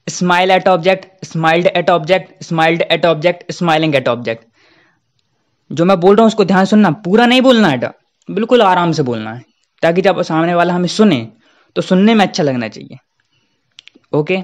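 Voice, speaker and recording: A young man teaching verb forms, repeating each form slowly and deliberately. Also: a little high. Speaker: English teacher. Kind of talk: Hindi-language English grammar lesson.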